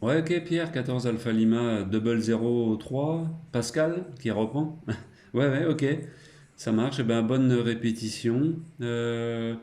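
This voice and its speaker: Taking his time, a middle-aged man speaks in a dark-toned, mid-range voice as an amateur radio operator, casual and colloquial, chuckling and trailing off on tag words. The room around him is roomy and echoing.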